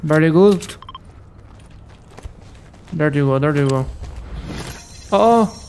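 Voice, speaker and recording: A man chatters through his gameplay, slipping into broken English between phrases. His voice sits somewhat high and he drawls, stretching each repeated word. A faint hiss runs under the recording. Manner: excited, repeats words rapidly, mixes broken English with Spanish. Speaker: gaming streamer. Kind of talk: casual gameplay commentary.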